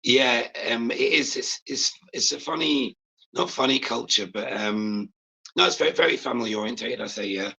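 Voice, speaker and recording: A man in his forties with a raspy smoker's voice, chatting casually and matily as a guest caller. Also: mid-range voice, normal speed, sharp tone, poor audio. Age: 40s. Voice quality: smoker's rasp. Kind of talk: casual chat.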